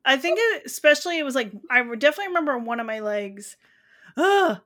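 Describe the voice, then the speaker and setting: A young woman co-hosts a podcast with a bright, somewhat high voice. She talks in a quick, self-mocking way and laughs often. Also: animated. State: on crutches. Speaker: podcast co-host. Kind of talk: casual chat.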